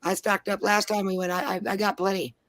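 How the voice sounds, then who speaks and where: A woman's voice: medium pitch, flat delivery, fairly quick, fairly bright tone, no room sound. A woman from Minnesota on a panel, telling blunt, heavily profane stories in casual chat. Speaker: panel guest.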